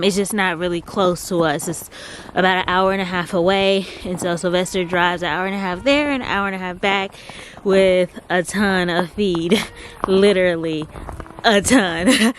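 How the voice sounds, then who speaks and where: A woman's voice: mid-range voice, background noise. Breathless chatty woman outdoors. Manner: chatty and rambling, with many filler words. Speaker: homesteader vlogger. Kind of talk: casual vlog chat. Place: outdoors on a farm in cold weather.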